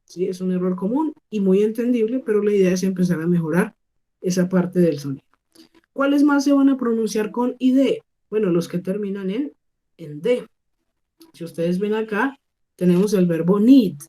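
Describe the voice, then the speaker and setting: A woman's voice: medium pitch, dark tone. A woman with a Colombian Spanish accent teaching an online English class, patient and often checking that her students follow. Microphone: computer mic on a video class.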